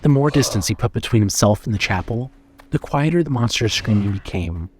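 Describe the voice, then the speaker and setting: A man narrating a horror story in a steady, suspenseful reading style. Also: fairly low pitch, brisk, a little hiss or hum.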